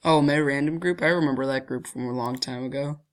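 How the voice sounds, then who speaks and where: A young gaming channel host with a cold speaks in a stuffy, deeper voice that's mid-range, steady in tone and fairly quick. He giggles mischievously and often breaks into laughter while thinking aloud and clicking through a screen-recorded game in casual commentary.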